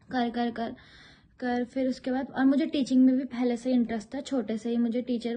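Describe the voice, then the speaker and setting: A young Indian-born yoga teacher talks straight to her viewers in a casual, personal way. Her voice sits a little on the high side. She loops back on her words and repeats phrases as she goes. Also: mellow.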